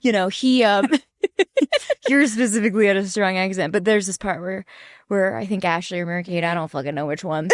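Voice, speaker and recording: A woman's voice: medium pitch, fairly quick, dry recording, clean studio sound. A woman co-hosting a podcast in casual chat, laughing often and swearing casually. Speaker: podcast co-host.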